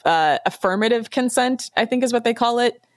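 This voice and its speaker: A woman in her thirties, chatting casually and bluntly, giving strong opinions with quick laughs. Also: fairly high pitch, expressive, no room sound, studio quality. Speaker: podcast co-host.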